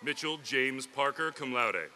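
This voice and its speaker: Male name reader, graduation ceremony; crisp, bright, formal announcing into a podium mic outdoors, faint background noise. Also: mid-range voice, unhurried. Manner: steady, clear formal announcing. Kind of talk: reading graduates' names at a ceremony.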